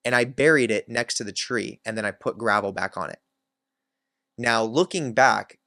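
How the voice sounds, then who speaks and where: Man, lowish voice, dry close sound, candid personal story, reflective, lots of fillers. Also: a bit bright, no echo. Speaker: self-help channel host.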